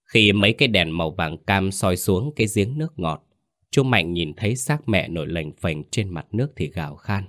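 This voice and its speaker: Man, horror story narrator, deep voice, dry close sound, calm, measured. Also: no room sound.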